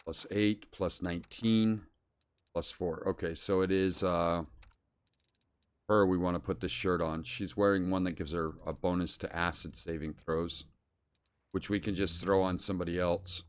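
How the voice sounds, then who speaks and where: Man, low voice, game streamer, live commentary, casual thinking aloud. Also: steady tone, normal speed, smooth. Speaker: streamer playing a role-playing game.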